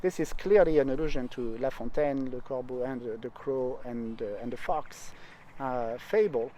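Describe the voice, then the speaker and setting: A man, a literary scholar, discussing a poem in relaxed conversation and getting animated when he tells stories. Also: mid-range voice, normal speed, slight background noise, low-quality recording. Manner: animated, speeds up and gets excited when telling stories.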